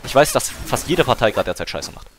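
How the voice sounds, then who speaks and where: A man's voice: mid-range voice, big pitch swings, fairly quick. Young guy streaming games, arguing in slang, keeps talking over others, faint noise behind. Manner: argumentative, slangy, talks over interruptions. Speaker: game streamer. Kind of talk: casual chat while gaming.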